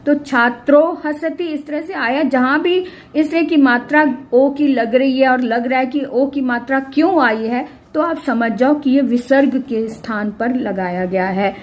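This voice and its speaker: A woman teaching a grammar lesson to students, explaining patiently and checking they follow. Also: high voice. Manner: patient, explanatory, checks understanding with tag questions; reads examples out slowly and clearly. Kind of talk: classroom-style grammar lesson.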